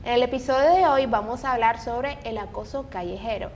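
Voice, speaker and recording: Brisk and a little mellow, this woman hosts a casual podcast, sounding earnest and opinionated. Soft music plays behind her, and a low rumble makes the recording noisy.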